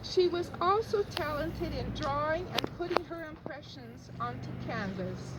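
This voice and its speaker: An older woman with a high voice delivers a written funeral tribute. Her reading is formal and measured. She is picked up from a distance, with very loud noise around her. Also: expressive. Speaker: family eulogist. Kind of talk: prepared funeral eulogy, read aloud. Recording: distant muffled mic, loud background noise.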